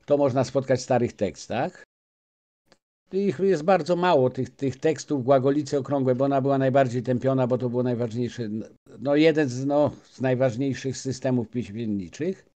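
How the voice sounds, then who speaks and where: A man's voice: mid-range voice, moderate pace, dark tone. A man, speaking as a guest and lecturing an audience, with frequent restarts and filler sounds. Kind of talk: lecture-style talk to an audience.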